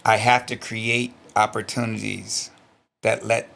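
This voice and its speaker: A man's voice: fairly low pitch, flat delivery, measured pace, vocal fry, fairly bright tone. A middle-aged man, a stunt performer being interviewed, who reads from an old journal and then talks about it in a blunt, earnest and emotional way, swearing freely. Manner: emotional, close to tears.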